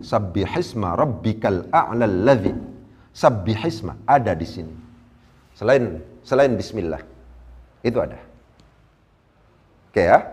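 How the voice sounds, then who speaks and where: Animated man teaching Arabic grammar. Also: a little high. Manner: animated, asks the audience rhetorical questions, recites Quran verses slowly. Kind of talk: classroom lecture on Arabic grammar.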